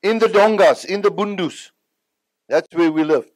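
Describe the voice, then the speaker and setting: An older preacher with a high-pitched voice, born in Zimbabwe and partly raised in South Africa, tells his personal testimony to an audience like a sermon. He speaks at normal speed and emphatically repeats phrases for effect. The recording is rough but has no echo.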